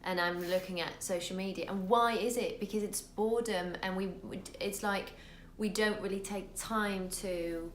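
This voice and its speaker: A woman's voice: mid-range voice, steady tone, moderate pace, hardly any pauses, a little hiss or hum. Earnest Dutch-born woman in an echoey room. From Netherlands. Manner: earnest, restarts words often. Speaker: vlog co-host, actor. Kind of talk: casual conversational vlog.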